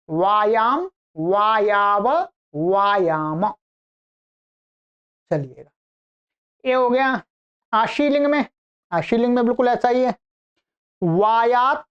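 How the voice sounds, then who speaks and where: Woman grammar teacher, smooth resonant voice, unhurried drill recitation. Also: fairly high pitch, lo-fi sound. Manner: chants verb forms in slow measured lists, quickens for explanations.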